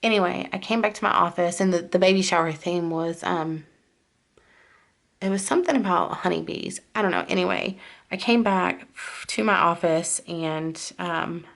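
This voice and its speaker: A woman's voice: on the low side, normal speed, creaky, a bit bright. A woman vlogger chatting casually while decorating her planner, rambling and confiding as she drifts off-topic.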